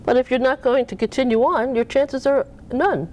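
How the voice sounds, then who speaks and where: Animated woman author, swooping pitch. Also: normal speed. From Cape Cod, US. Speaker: author being interviewed. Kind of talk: casual interview talk.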